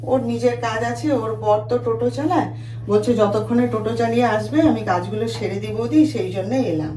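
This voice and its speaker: A woman's voice: on the high side, a little fast, mellow, roomy sound, rough recording. A young woman with a Bengali accent, chatting to viewers while she cleans her kitchen. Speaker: vlogger. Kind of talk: casual chat while doing housework. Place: home kitchen. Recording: clear household background noise.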